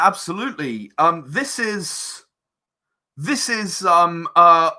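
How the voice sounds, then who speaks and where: In a casual interview, a game and audio drama creator discusses his creative work in a chatty, rambling manner. His voice is fairly high in pitch with a sharp tone.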